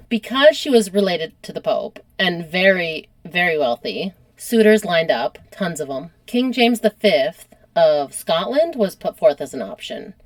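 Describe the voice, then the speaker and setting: A woman's voice: lowish voice, measured pace, no echo. Casual female podcast host, conversational history storyteller, dry close mic. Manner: chatty, animated, uses lots of "like".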